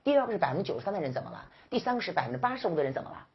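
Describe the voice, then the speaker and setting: A woman teaching an English exam-prep class, lively and rhetorical, firing questions at her students and coaxing them to read aloud. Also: lowish voice, very fast, slightly rough, muffled recording. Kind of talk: classroom lecture.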